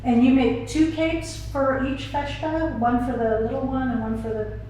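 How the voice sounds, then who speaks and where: A woman's voice: high voice, fairly even intonation, moderate pace, warm tone. A woman interviewer asking questions in a conversational, encouraging way, rephrasing them informally as she goes. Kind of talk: conversational oral history interviewing. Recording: very echoey room, faint noise.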